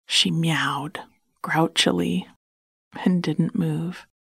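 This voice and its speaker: A woman narrating a bedtime story in a soft, hushed, soothing whisper close to the mic. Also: sits low, steady tone, extremely slow, vocal fry, slightly rough, dry recording.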